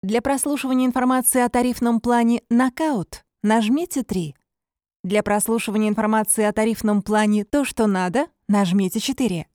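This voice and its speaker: A woman reading scripted phone menu prompts in a measured, formulaic announcer's manner. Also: fairly high pitch, a little mellow, no room sound, studio quality.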